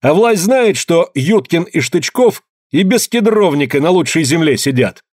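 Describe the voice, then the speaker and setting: A man's voice: on the high side, lively intonation, normal speed, a little mellow, no room sound, clean studio sound, voice pushed up. A man voicing a resolute male peasant leader addressing a crowd, in an audiobook. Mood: earnest. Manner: earnest, oratorical.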